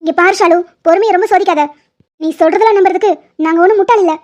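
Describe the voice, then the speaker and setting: A woman's voice: very high-pitched, very fast. A woman voicing a cold, haughty, wealthy mother with a condescending, warning tone.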